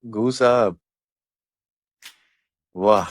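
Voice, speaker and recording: A man's voice: lowish voice, very slow, no room sound, clean studio sound. A man voicing a loyal young assistant, deferential yet a little teasing.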